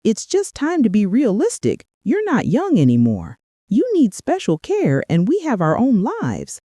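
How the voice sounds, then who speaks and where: Woman voicing a condescending son-in-law, dismissive, very lively pitch, dry close sound. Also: measured pace, no room sound, heavily acted.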